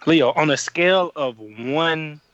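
A man's voice: fairly high pitch, slow pace, a bit bright, no echo, highs cut off. A man co-hosting a podcast, teasing the others and steering the talk. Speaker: podcast co-host. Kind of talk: casual chat.

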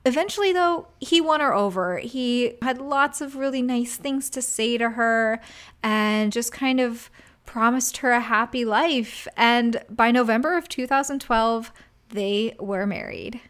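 A woman's voice: on the high side, unhurried, a bit bright. A woman hosting a true crime podcast, narrating a scripted story in a conversational way as a true crime narrator.

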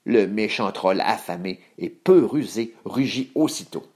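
A man reading a children's story aloud, expressive, voicing sound effects. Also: fairly low pitch, unhurried, breathy edge.

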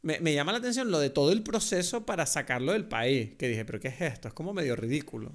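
Man, Spanish accent from Spain, podcast co-host, animated, fairly high voice, laughs often. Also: quick pace. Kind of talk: casual film discussion.

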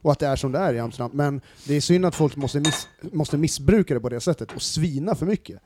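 A man's voice: a little high, expressive, noisy background. A man co-hosting a casual podcast, talking in long, searching sentences with restarts. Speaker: podcast co-host. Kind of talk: casual chat.

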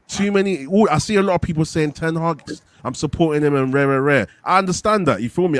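Heavy London street slang marks this young roadman-accented man as he rants emphatically about football, tossing in tag questions again and again. His pitch is fairly high, with no room sound at all.

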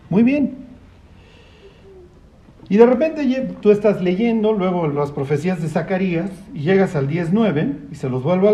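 A man's voice: sits high, dull audio. A man teaching a conversational Bible study, asking his listeners rhetorical questions. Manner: lively, asks rhetorical questions, acts out voices.

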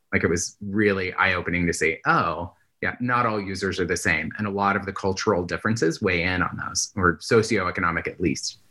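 A man from the Bay Area, a guest in a casual interview, talking in a relaxed, chatty way with lots of "like". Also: deep voice. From San Francisco Bay Area, US. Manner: relaxed and chatty, heavy use of "like". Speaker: guest, UX researcher.

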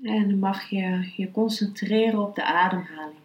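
Woman teaching calmly in an echoey room. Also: mid-range voice, normal speed. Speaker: yoga philosophy and meditation teacher, podcast host. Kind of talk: spoken lesson, then slow guided meditation. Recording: roomy, echoing sound.

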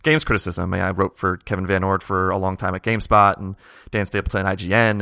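A man with a fairly low voice and a bright, punchy edge hosts a casual interview. He is talkative and informal, and the sound is dry with no room on it. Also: dry recording. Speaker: podcast host, games writer.

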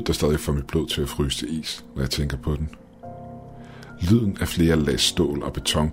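A man's voice: very deep voice, a little mellow. A man narrating a first-person horror story in a tense, dramatic way. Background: faint music.

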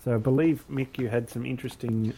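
Speaking fast in a medium-pitched, husky, mellow voice with an even tone, the Australian host of a cricket podcast kids around with his mates. He rattles off mock intros and lists, and the recording is online call audio.

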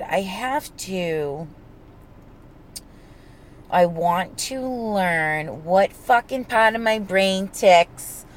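A woman's voice: mid-range voice, a little hiss or hum, low-quality recording. A woman with a New England accent who drops the G at word endings, rambling casually as a solo podcast host in a sweary, self-mocking way. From New England, United States.

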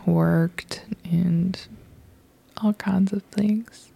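A young woman co-hosting a home podcast, tired and soft-spoken, hesitant and sometimes nearly whispering. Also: lowish voice, steady tone, drawn-out words, creaky, slight background noise. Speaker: podcast co-host. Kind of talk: casual chat. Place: home at night.

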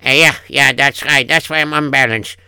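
A man's voice: medium pitch, steady tone, normal speed, pushed and bright, smooth, no echo, clean studio sound. A man playing a fretful Yiddish-accented husband. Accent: Yiddish-inflected English. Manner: kvetching, sighing oy vey. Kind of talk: improvised comic radio story.

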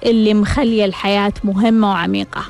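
A woman's voice: mid-range voice, little pitch movement, quick pace, gravelly, a little mellow. A woman hosting a self-help radio talk, asking rhetorical questions and repeating them for emphasis. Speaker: radio host.

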